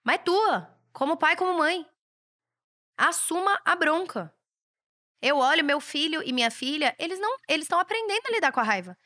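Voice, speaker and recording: Her voice is high, animated, bright and forceful, at a normal speed. She's a Brazilian podcast host in her thirties with a Brazilian Portuguese accent, swearing casually through a blunt, provocative motivational monologue.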